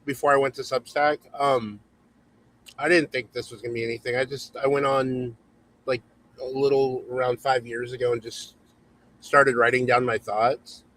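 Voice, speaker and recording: A man's voice: medium pitch, little pitch movement, moderate pace, a bit bright, rough recording. Male host in his forties, casual and chatty, on a video call. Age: 40s. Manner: reads viewer comments aloud, chatty. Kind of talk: casual livestream chat.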